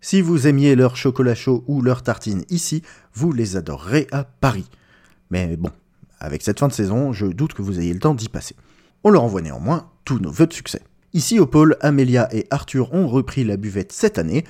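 A man's voice: mid-range voice, sing-song, fairly quick, dark tone. A man playing an upbeat morning newsreader on a Christmas elves' radio station, reading a scripted comic bulletin in a playful announcer manner. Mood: wry aside. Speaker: radio news presenter.

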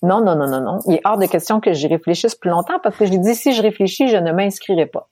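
A woman from Quebec with a Québécois accent, telling her story as an interview guest, animated and laughing often. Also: mid-range voice, fast, husky, dry recording, clean studio sound. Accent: Québécois French. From Quebec, Canada.

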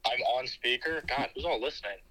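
A man's voice: medium pitch, a little fast, a crowd in the background, poor audio. Young man calling in on speakerphone. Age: young adult. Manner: blunt, swears freely. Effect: heard over a phone on speakerphone. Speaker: caller phoning in. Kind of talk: casual chat.

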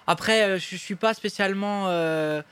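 A man's voice: high voice, moderate pace, a bit bright, clear, resonant tone. A man, chatting as a guest singer in an interview in a restaurant, enthusiastic and rambling with many restarts. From Belgium. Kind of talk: casual interview chat.

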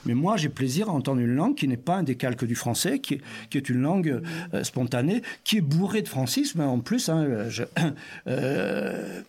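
A man's voice: medium pitch, sing-song, moderate pace, darkish tone, breathy edge. A man with an Auvergnat accent in a group discussion, often restarting and repeating words as he argues his view. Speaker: discussion participant.

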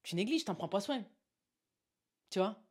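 A woman's voice: medium pitch, lively intonation, measured pace, darkish tone, slightly rough. A young woman giving a casual, emphatic motivational talk, addressing the listener directly with frequent asides. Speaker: motivational vlogger.

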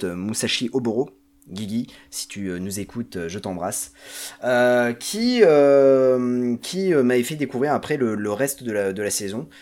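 A man's voice: mid-range voice, darkish tone. A man talking casually on a podcast as a panelist, presenting a TV series with many hesitations and filler sounds.

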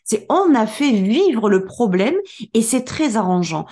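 Woman with a fairly high voice, reflective podcast co-host who builds long motivational points. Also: sing-song, measured pace, warm tone. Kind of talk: casual motivational podcast chat.

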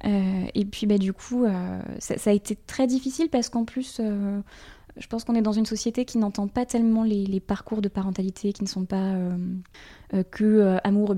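A woman talks openly as a podcast guest, her voice mellow and warm. She pauses and fills gaps as she goes, and laughs often. Her pitch sits in the middle range. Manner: halting, full of fillers, laughs often. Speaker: interview guest, brand designer. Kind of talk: candid podcast conversation.

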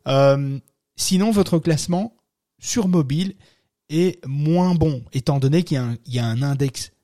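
A man hosts a live podcast from his home, talking casually and stumbling through fillers and restarts. His voice is mellow and darker in tone, and he sounds close and dry, without room reverb. He chuckles at his own asides now and then. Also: a little high, measured pace. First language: not French-born, francophone. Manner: rambling, many fillers and restarts. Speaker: podcast host.

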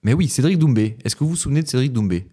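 Animateur qui rit souvent. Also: male voice, medium pitch, animated, racing, warm tone, breathy edge. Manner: laughs often, teasing. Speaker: podcast host. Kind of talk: casual chat.

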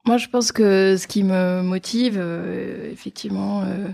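Gravelly-voiced woman guest. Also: mid-range voice, steady tone, measured pace, warm tone, no room sound, studio quality. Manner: hesitant, many fillers. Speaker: guest, fundraiser. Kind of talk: casual interview.

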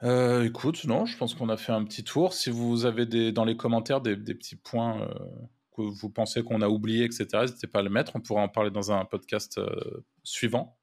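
A man's voice: mid-range voice, steady tone, a little fast, darkish tone. A man co-hosting a podcast, chatting casually and rambling with many restarts and fillers. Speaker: podcast co-host.

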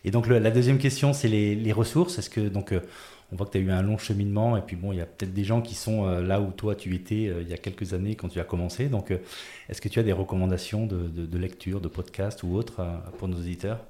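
A man's voice: deep voice, steady tone, fast, dark tone. A man hosting a podcast interview, asking friendly, rambling questions with fillers. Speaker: podcast host. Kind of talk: casual interview talk. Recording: roomy echo.

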